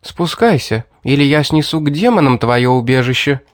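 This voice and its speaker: A man's voice: mid-range voice, lively intonation, moderate pace, dry recording, clean studio sound, close to an everyday voice. A man voicing a scheming young woman from a fantasy audiobook who coaxes, mocks and threatens. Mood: commanding. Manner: mocking, coaxing and threatening. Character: scheming young woman, sweetly coaxing and cold.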